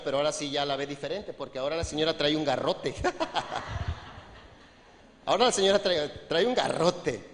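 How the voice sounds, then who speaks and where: A man preaching a sermon as pastor, conversational and joking, talking to the congregation and acting out little scenes. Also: on the high side. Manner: conversational, humorous preaching with frequent asides to the congregation; acts out little scenes with voices. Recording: long hall reverb from a church.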